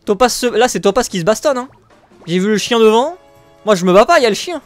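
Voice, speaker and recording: A male streamer giving joking, crude, self-mocking live gameplay commentary, excitable and often laughing. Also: high-pitched, quick pace, soft background music. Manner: excitable, exclaims at the game.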